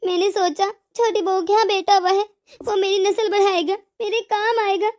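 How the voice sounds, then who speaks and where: A woman's voice: very high-pitched, steady tone, normal speed, darkish tone. A woman voicing an injured, self-pitying old mother-in-law in a cartoon, tearful and remorseful. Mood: weeping. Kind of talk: cartoon voice acting.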